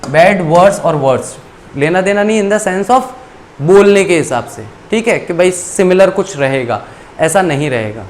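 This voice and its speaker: A man's voice: high voice, expressive, slight background noise. Male grammar teacher explaining rules. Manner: explains step by step, reading English rules aloud slowly. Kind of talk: classroom-style lesson explained in Hindi.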